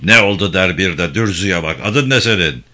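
A man reading a novel aloud, voicing a harsh, bullying gendarme chief who shouts threats and insults. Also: low-pitched, brisk. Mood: barking, menacing.

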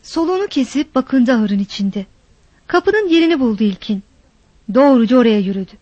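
Brief: high-voiced female storyteller, measured reading, dry and slightly dull recording. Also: expressive, a little mellow, dry recording. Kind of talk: scripted narration.

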